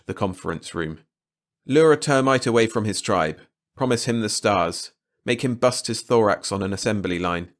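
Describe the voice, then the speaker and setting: A man reading a science fiction short story aloud in measured, even scripted narration. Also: fairly low pitch.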